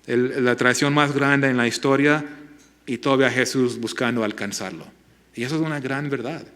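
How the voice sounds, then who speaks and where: A man's voice: medium pitch, moderate pace. Earnest male pastor preaching a sermon. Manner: earnest, pleading, with frequent restarts and soft appeals. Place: church sanctuary.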